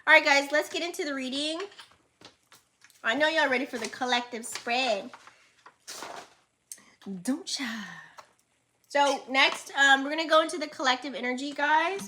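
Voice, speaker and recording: Chatty woman doing an astrology reading, kinda high bright voice, slangy, laughs a lot, talks a bit muffled from a retainer. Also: moderate pace, long pauses, a little hiss or hum. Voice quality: slightly muffled speech from a retainer. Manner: chatty, slangy, laughs often, acts out reactions. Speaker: astrology and tarot reader. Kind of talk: casual spiritual reading chat to viewers.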